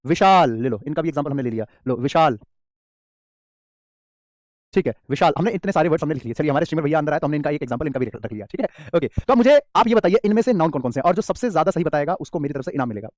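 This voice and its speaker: A man with an Indian accent teaching English grammar in an online class, calling students "beta" and slowly repeating key terms. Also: fairly high pitch, very animated, a little mellow, dry recording, clean studio sound.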